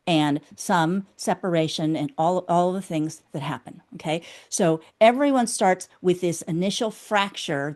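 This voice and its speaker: Guesting on an interview, a woman focused on the inner critic teaches her theory and keeps checking in with "okay?". Her voice leans low and a little mellow.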